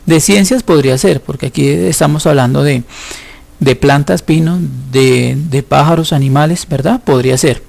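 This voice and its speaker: A male teacher patiently walks students through a recorded school lesson, explaining and pausing to think aloud. His voice is a little high for a man, darkish in tone, with a gravelly edge.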